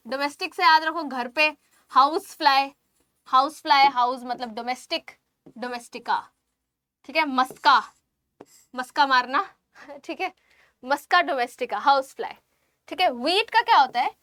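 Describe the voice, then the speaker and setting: High-voiced woman teaching biology. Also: lively intonation, pushed and bright, no room sound. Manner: repeats terms slowly, checks in with "ठीक है?"; writes on screen while explaining. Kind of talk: online exam-prep lecture.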